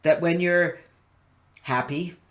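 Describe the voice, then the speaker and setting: A woman business coach giving a live online training, animated and constantly quizzing her listeners. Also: lowish voice, takes it slowly. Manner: animated, keeps quizzing the audience. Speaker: business coach presenting a webinar.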